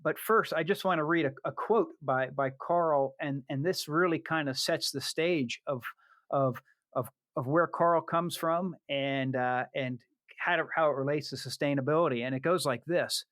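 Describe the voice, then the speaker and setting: A man's voice: on the high side, normal speed, a bit bright, no room sound. Stumbling, dry-sounding male podcast host. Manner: stumbling, filler-heavy, earnest. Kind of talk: casual interview introduction.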